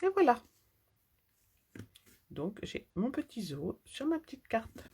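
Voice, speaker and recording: With a measured pace and a very animated delivery, this French woman's voice is on the high side, dark in tone, with a breathy edge. She demonstrates papercraft in a live card-making tutorial, chatting as her hands work and sometimes going nearly to a whisper while concentrating.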